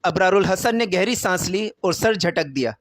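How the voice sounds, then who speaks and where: A man narrating a scripted romance story in a steady, even reading style. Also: high-pitched, slight background noise.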